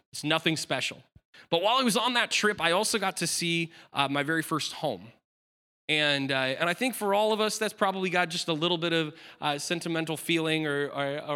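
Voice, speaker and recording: A man's voice: fairly high pitch, sharp tone, in a large hall. A man in his thirties preaching a sermon in a casual, self-deprecating way, with plenty of fillers and restarts. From United States. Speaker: pastor.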